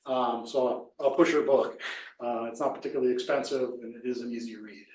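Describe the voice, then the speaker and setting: A man's voice: medium pitch, fairly even intonation, a little fast, a little mellow, distant mic. Chatty man in an echoey room. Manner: chatty, loose, many fillers and restarts. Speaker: presentation skills trainer. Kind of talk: casual live workshop talk.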